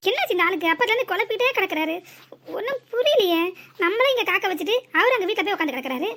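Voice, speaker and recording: Cartoon: a voice actor playing a young wife, southern Tamil Nadu accent, very high and fast, scolding. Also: big pitch swings, sharp tone, full character voice. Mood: puzzled. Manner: scolding, rapid-fire complaints. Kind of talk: cartoon voice acting.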